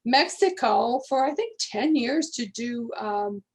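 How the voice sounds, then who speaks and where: Woman, 80s; rambling, friendly interview guest with a gravelly edge. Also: on the high side, expressive, slow pace, slight background noise. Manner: chatty, rambling storyteller. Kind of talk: casual conversation.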